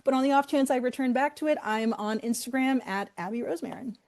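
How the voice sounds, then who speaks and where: A woman's voice: high voice, fast, a little mellow. A woman with a Boston accent, an author talking earnestly and emphatically as a guest in an interview. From Boston area. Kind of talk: casual interview talk.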